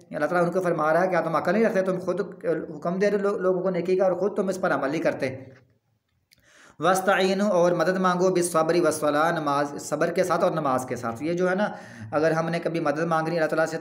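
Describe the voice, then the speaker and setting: Man explaining scripture in an echoey room. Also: fairly high pitch. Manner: recites Arabic verses slowly, then explains them in plain speech. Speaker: religious teacher. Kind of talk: Quran commentary lesson.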